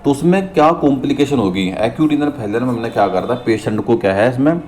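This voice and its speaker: A man tutoring for nursing exams. He reads English questions slowly and explains them in Hindi, repeating terms and often checking in with his viewers as friends. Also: medium pitch, a little mellow, a little hiss or hum. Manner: addresses viewers as friends, frequent "theek hai" check-ins. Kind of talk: exam question walkthrough.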